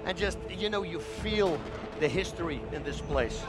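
Enthusiastic high-pitched male fight analyst. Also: lively intonation, moderate pace, loud music behind the voice. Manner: enthusiastic, exclamatory. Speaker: colour commentator.

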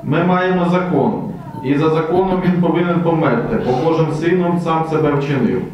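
A man's voice: a little high, normal speed, darkish tone, natural voice. Man reading the angry crowd, far from the mic, dull muffled sound, big church echo. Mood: demanding. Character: crowd and chief priests demanding crucifixion. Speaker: reader of the crowd's words. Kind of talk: liturgical Passion reading. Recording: distant muffled voice in echoey church.

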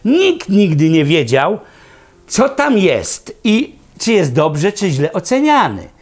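Older male interviewee, slightly high voice, fond lively reminiscing. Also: slow, husky. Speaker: former student recalling a teacher. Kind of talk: documentary interview.

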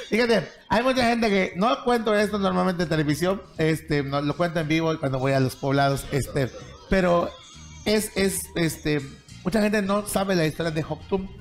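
A man, a comedian co-host, telling a joke on a talk show in an animated, laughing way. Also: sits high, a little slow, faint music behind.

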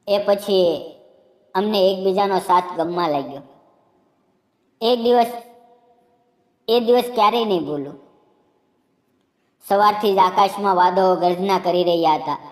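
A woman narrating a heartfelt first-person storybook tale in a soft manner. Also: lowish voice. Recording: echoey room, long reverb.

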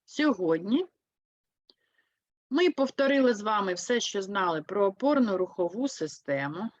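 Casting: Ukrainian woman teacher, animated pitch, dry and slightly dull sound. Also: no echo. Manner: slow, clear, explains with lively emphasis. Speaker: primary school teacher. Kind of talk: online lesson for third graders.

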